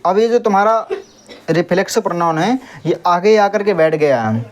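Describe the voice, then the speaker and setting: A man's voice: high-pitched, expressive, normal speed. A young man teaching English grammar in a classroom, asking the pupils questions and answering for them, and now and then telling them to stop making noise. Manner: scolds noisy pupils.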